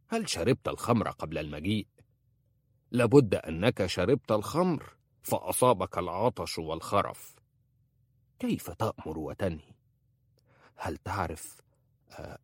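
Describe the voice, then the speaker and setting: Guy reading a grumpy old tailor in a storybook, kinda low, swings up and down a lot. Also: breathy edge, dry recording, studio quality, full character voice. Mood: mocking. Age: older. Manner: sardonic, blunt. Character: old male tailor, blunt and sardonic.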